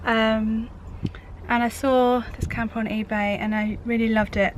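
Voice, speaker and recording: A woman, croaky from a cold, chatting rambly and casually in a camper van vlog. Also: fairly high pitch, flat delivery, unhurried, poor audio. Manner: chatty, rambling, self-interrupting. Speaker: craft vlogger. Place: inside a camper van on a busy main road. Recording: traffic noise from a main road. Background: road traffic noise.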